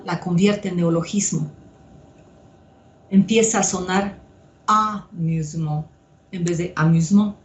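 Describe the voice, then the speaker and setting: A woman psychoanalyst giving a measured, step-by-step lecture with occasional fillers. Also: mid-range voice, a little mellow, highs cut off. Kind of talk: slow didactic lecture. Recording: echoey room.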